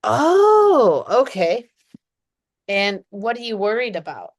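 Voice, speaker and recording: A woman's voice: on the high side, huge pitch swings, takes it slowly. A woman teaching an online English lesson, chatty and encouraging, with frequent laughs; she is dizzy today. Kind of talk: one-on-one online lesson chat.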